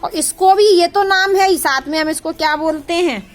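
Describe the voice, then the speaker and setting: A woman's voice: very high voice, normal speed, soft background music. A woman teaching a chemistry lesson, repeating terms and quizzing her students with questions. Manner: addresses students affectionately as child. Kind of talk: classroom lecture.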